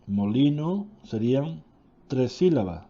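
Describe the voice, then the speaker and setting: A man reading a grammar lesson aloud, slowly and deliberately, correcting himself now and then. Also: mid-range voice, expressive, dark tone, lo-fi sound.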